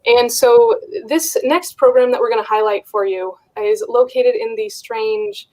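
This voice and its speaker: A woman's voice: a little high, animated, unhurried, a little mellow, low-quality recording. A woman hosting a virtual fundraiser, encouraging viewers to give and starting many phrases with "uh". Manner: encouraging, with frequent "uh" fillers. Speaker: fundraiser host.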